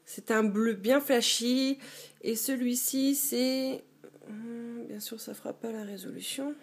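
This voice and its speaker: A young woman vlogging from a dim bedroom, her voice sitting a little high. She talks in a casual, chatty show-and-tell way. She pauses often and fills the gaps as she goes. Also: fairly even intonation. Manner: chatty, hesitant, many fillers. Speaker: beauty vlogger.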